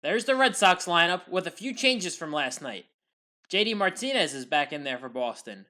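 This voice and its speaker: Narrating a sports highlights reel, a woman with an American accent delivers scripted play-by-play recap commentary. Her voice is pushed and bright.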